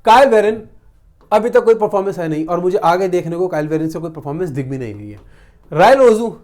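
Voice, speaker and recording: A man talks through fantasy cricket picks in a casual, blunt way, often calling his viewers brothers. His voice sits high for a man. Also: expressive, quick pace, darkish tone. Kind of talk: casual talk to camera about cricket picks.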